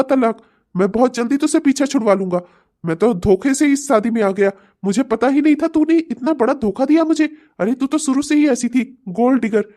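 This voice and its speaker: A sneering, taunting man in a cartoon comedy, as a woman voices him, pitched lower and dark in tone. He mocks with sly questions and then shouts in rage. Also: lightly acted. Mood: furious. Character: smug, taunting man getting revenge, later furious. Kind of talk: Hindi cartoon comedy voice acting.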